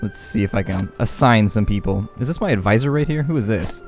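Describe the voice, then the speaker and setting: Game music runs underneath as a man offers relaxed, talkative let's-play commentary with folksy, slangy turns of phrase. His voice sits on the low side, a little mellow, brisk and lively in intonation.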